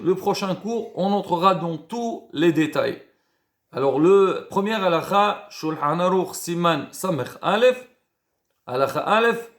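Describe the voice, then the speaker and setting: A high-pitched man teaches as a rabbi, explaining each point calmly and sprinkling in Hebrew terms. His voice has a gravelly edge and rings in an echoey room. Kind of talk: casual religious lesson.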